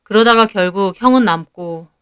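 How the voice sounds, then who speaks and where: A woman narrating a first-person story in an even, measured storytelling manner. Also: mid-range voice, clean tone.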